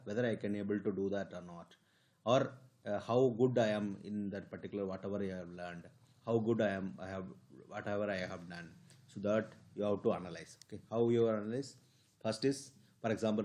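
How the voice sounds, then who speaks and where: A man talks through career advice for PhD graduates in a loose, unscripted way. His voice sits a little low and sounds soft and mellow. He halts often, filling the gaps with "you know" and "okay". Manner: halting, full of "you know" and "okay" check-ins. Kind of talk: informal advice talk to camera.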